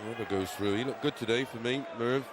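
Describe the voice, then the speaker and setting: A man's voice: medium pitch, brisk. A man giving conversational analysis as co-commentator on live darts. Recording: clear crowd and venue noise behind.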